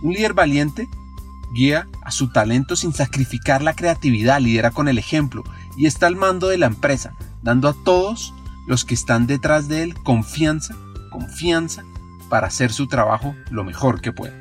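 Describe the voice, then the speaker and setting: Guy doing podcast narration, clear and measured, soft music behind. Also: mid-range voice, expressive. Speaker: podcast host. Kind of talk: scripted narration.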